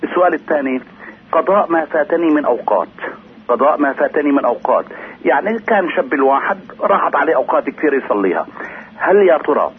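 A man's voice: on the high side, animated, fast, breathy edge. A man calling a radio programme, mixing formal phrasing with colloquial speech as he asks questions. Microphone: telephone. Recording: noisy narrow phone line on radio.

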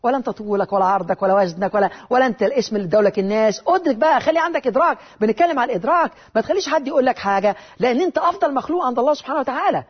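Man, Egyptian Arabic accent, motivational talk, very fast, husky voice, dull lo-fi sound. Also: very high voice. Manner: lively, rhetorical, repeats phrases. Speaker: motivational speaker.

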